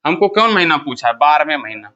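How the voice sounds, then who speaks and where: Man, math teacher, Bihari Hindi accent, fairly high voice, bright tone, repeats key terms, counts step by step. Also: sing-song, a little fast, muffled recording. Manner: asks the class questions and answers them himself. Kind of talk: classroom lecture.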